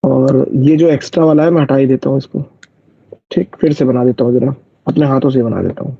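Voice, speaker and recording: A man's voice: medium pitch, brisk, vocal fry, slightly rough, no echo. A man teaching math in a live online class, explaining step by step and checking whether his students follow. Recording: dull lo-fi dry recording.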